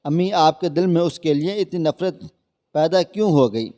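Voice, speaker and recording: A man's voice: a little high, warm tone, long reverb tail, lightly acted. A man voicing a remorseful, devoted young husband in a storybook reading, speaking with passion. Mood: reproachful. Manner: impassioned, reproachful. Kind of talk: storybook narration.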